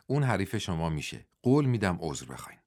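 Indignant middle-aged mother, sharp-tongued and scornful, read by a man. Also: low-pitched, sing-song.

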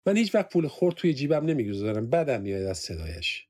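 A man's voice: medium pitch, sing-song, a little mellow. A haunted young soldier, as a male storyteller reads him, speaking earnestly in a slightly raised voice. The tone stays close to the reader's own. It is an audiobook reading. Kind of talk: audiobook character voice.

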